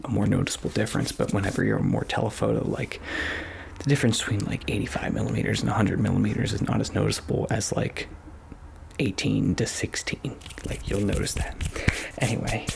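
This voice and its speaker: A man doing casual ASMR, rambling and thinking aloud in a hushed, often whispered voice, close to a microphone in a small home studio. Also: lowish voice, flat delivery, brisk. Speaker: ASMR video creator. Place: small home studio bedroom with acoustic panels. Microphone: stereo XLR microphone, close up. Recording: clear background noise, clicks.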